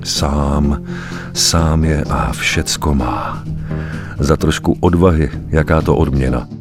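A man reading a story aloud as a narrator, grave and measured, with weighty pauses. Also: rumbling low, over music. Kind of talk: dramatic audiobook narration.

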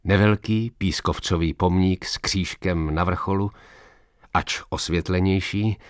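A man reading a story aloud in first person, with expressive, measured narration. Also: low voice, no room sound, studio quality.

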